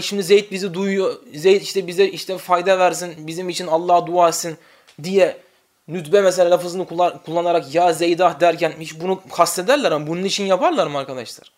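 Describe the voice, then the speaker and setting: A man giving a religious lecture, repeatedly putting rhetorical questions to his listeners and answering them, and drawing out the Arabic lament calls slowly. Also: high voice. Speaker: religious teacher.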